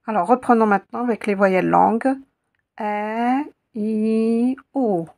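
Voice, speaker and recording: A woman teaching an Arabic letter in a slow, step-by-step lesson, patiently repeating sounds for her students. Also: a little high, steady tone, creaky, darkish tone.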